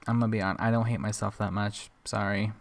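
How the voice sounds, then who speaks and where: A man's voice: fairly low pitch, flat delivery, fast talker. A man giving casual reaction commentary, sarcastic and teasing, often laughing at what he watches.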